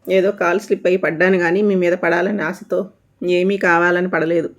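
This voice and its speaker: A scolding, quick-tempered mother from a read-aloud family story, voiced by the woman narrator. Her tone is lowish and flat, telling off with little swing. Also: lightly acted. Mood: sulky.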